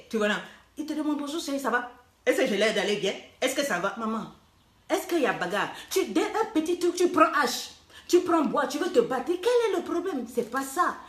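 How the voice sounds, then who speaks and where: A woman coach with a high voice gives playful, teasing relationship advice, dropping English phrases now and then. Her voice rings in an echoey room. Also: big pitch swings, moderate pace, fairly bright tone. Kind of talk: lively advice talk.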